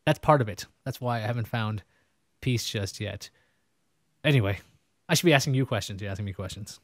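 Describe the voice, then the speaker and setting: A man's voice: fairly low pitch, a little fast, no room sound, studio quality. A man hosting a casual interview show, rambling and joking about himself. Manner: rambling, self-mocking, jokey. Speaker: host. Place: New York.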